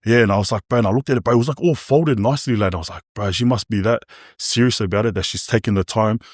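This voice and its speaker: A man's voice: on the low side, fast talker, no room sound, studio quality. A man, giving a candid, slangy personal testimony in a casual podcast chat, often saying bro and man. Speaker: podcast guest.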